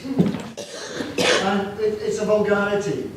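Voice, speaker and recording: A Scottish man in his sixties, from Scotland, talks informally to students about a drawing he made, chatty, self-deprecating and asking the audience questions. His high-pitched voice is slow and steady. The recording has an echoey room, a distant mic and background noise.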